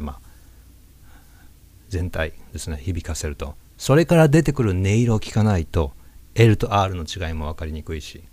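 Deep-voiced man teaching pronunciation. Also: darkish tone, no room sound. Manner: demonstrates sounds, stretching and exaggerating words. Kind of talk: casual video lesson.

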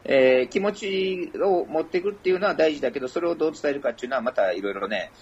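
Lively Kansai-accented man. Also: fairly high pitch, quick pace, slightly rough, lo-fi sound. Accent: Kansai Japanese. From Kyoto, Japan. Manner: lively, mixes in English and Kansai dialect. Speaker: co-host giving feedback. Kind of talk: casual online chat.

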